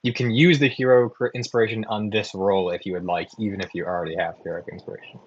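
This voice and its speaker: A man serving as dungeon master, explaining rules and narrating in a relaxed way with lots of ums and uhs. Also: on the low side, fast, no echo, muffled recording. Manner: relaxed, with frequent "um" and "uh". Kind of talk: running a tabletop game.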